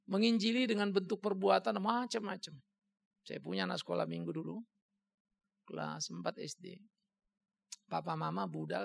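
A male pastor delivering a sermon in a heavily gravelly, creaky voice. His pitch swings widely as he spins animated stories. He breaks into laughter often. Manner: animated storytelling, frequent laughter.

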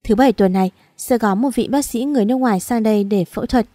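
A woman voicing a calm, matter-of-fact male hospital doctor in an audio story, in a formal, businesslike way. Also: fairly high pitch, quick pace, dry recording, clean studio sound, close to an everyday voice. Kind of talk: audiobook dialogue.

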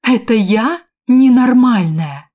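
A woman voicing a furious, battered woman who shouts curses through clenched teeth. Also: on the high side, expressive, takes it slowly, pitched above the performer's own voice.

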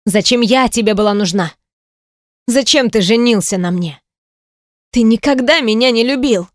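A bitter, sharp-tongued ex-wife, voiced by a woman narrator, shrill and accusing. Her pitch climbs above the reader's own, recorded close and dry. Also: moderate pace, dry recording, natural voice. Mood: furious.

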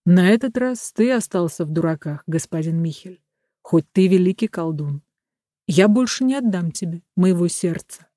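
A reader voicing a calm, stubborn young man in a storybook reading, speaking quietly and firmly. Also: medium pitch, moderate pace, no room sound, studio quality, close to an everyday voice. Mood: calm defiance. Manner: quiet and firm. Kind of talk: storybook character voice.

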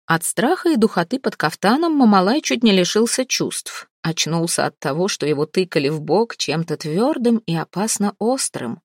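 Expressive female audiobook narrator. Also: fairly low pitch, normal speed, hardly any pauses, no room sound, clean studio sound. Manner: expressive storytelling. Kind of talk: scripted narration of a historical novel.

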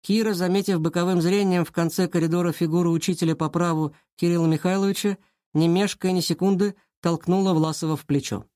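A reader narrating a children's school detective story in an even, lightly dramatic way. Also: mid-range voice, brisk, no room sound, studio quality. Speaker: audiobook reader.

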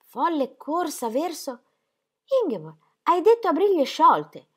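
A woman reading the part of a stern middle-aged male pastor, asking measured, incredulous questions. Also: high-pitched, animated, a little mellow, pitched above the performer's own voice.

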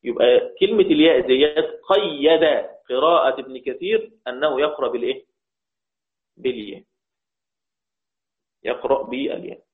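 A man with an Egyptian accent giving a lesson, speaking slowly, repeating key points and asking rhetorical questions. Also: fairly high pitch. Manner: slow, repetitive teaching with rhetorical questions. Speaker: teacher of Quranic recitation. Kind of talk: recorded lesson. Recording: tinny, echoey lo-fi recording.

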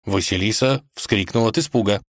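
A man with a low, grounded voice reads a fairy tale aloud in a measured, expressive way. The recording is dry and close, with no room sound around him. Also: no echo. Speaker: narrator. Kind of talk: fairy tale audiobook reading.

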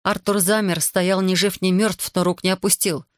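An expressive audiobook narrator reading a novel at a mid pitch. The recording is dry and close, with no room sound. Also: normal speed, smooth, dry recording. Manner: expressive storytelling.

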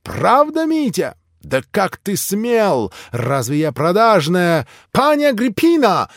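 A man voicing a fiery, proud young woman who swings between commanding and shrill outbursts. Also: expressive, takes it slowly, a little mellow, no echo, clean studio sound, heavily acted. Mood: furious.

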